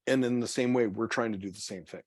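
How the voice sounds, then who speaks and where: A pastor leading a church study group, talking casually and haltingly with many restarts and repeated words. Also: male voice, medium pitch, a little mellow, dry recording. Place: church meeting room.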